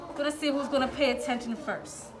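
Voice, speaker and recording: A woman's voice: sits high, steady tone, fast talker, echoey room, over music. A woman teaching young children through a hands-on demonstration, giving short, repeated instructions and encouraging praise. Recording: classroom with children's chatter around. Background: group of children.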